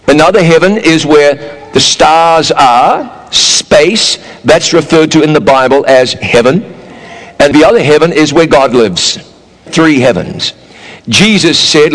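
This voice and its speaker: A man preaching a sermon, animated, swinging between loud urging and low mocking asides. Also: big-room sound, poor audio.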